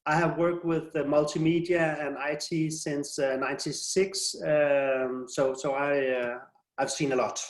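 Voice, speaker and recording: A middle-aged man giving an online presentation as a presenter, speaking in a halting, hesitant way. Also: a little high, level tone. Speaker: presenter, IT and design specialist. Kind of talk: online presentation, interpreted in pauses. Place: indoor room on a video call. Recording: roomy, echoey video-call sound.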